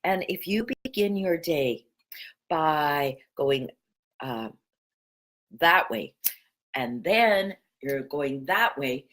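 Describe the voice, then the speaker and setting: Middle-aged pacific northwest lady doing a spiritual vlog, slow and gentle, kinda low voice. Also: lively intonation. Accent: Pacific Northwest American. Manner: gentle, chatty, with soft laughs and guided breathing. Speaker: spiritual life coach. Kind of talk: casual spiritual vlog talk.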